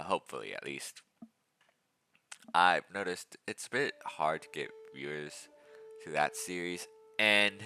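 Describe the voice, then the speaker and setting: Chatty low-voiced man with bright tone. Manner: chatty, rambling, self-aware asides. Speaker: gaming video host. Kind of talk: casual gameplay commentary.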